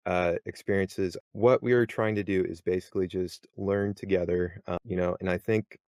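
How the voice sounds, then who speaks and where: A man's voice: sits low, fairly even intonation, normal speed, darkish tone, no room sound, clean studio sound. A man moderating a casual podcast chat, rambling with many fillers and restarts.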